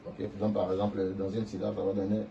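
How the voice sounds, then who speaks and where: Male teacher, dark mellow tone, patient explainer who sounds out syllables, faint background hiss. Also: fairly low pitch, completely flat delivery, fairly quick, gravelly, highs cut off. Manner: demonstrates tones by drawing out syllables. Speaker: language teacher. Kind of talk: explaining lesson to viewers.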